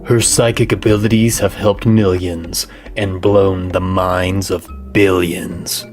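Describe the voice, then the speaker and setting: A man's voice: low-pitched, level tone, takes it slowly, a little mellow, soft background music. A man playing a flippant, gleefully morbid radio host, with grandiose theatrical announcing and sardonic showmanship. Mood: dramatic announcing. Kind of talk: theatrical radio hosting and mock ad narration.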